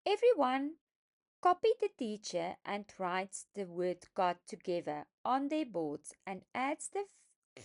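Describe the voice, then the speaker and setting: A woman who trains phonics teachers narrates an instructional lesson in a medium-pitched, slightly mellow voice. Speaking slowly and deliberately, she stresses each sound emphatically as she sounds out words for young learners.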